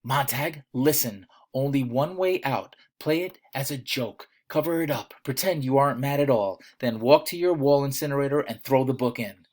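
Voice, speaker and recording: A man reading aloud and voicing an older man who speaks urgently and fearfully through an earpiece, hushed and pleading. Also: mid-range voice, moderate pace, hardly any pauses, pitched above the performer's own voice, natural voice.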